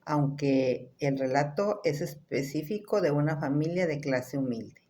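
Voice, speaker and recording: A woman author speaking about her writing in a composed, deliberate way over a video call. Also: sits low, mellow, slight background noise.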